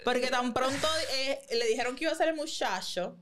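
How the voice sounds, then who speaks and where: A woman's voice: sits high, a little fast, crowd noise. A Puerto Rican woman co-hosting a podcast in casual chat, sassy and slangy, mixing in English phrases. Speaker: podcast co-host.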